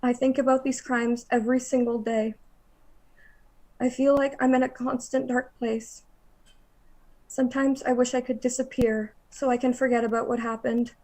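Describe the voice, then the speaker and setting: A young woman reading a court statement aloud in a measured, steady way. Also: on the high side. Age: young adult.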